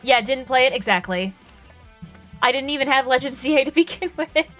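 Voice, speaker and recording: Young woman streamer, chatty and excitable, a bit of a cold, bright higher voice over faint music. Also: brisk. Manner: excitable, gushes and laughs a lot. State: coming down with a cold, coughing. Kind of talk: casual chat while drawing.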